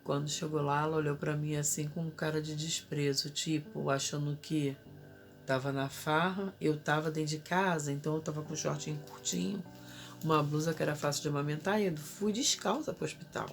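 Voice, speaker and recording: A woman's voice: sits low, fairly even intonation, fairly quick, faint music behind. A woman in her thirties telling an emotional personal story as a mother, urgently reliving her own desperate cries for help.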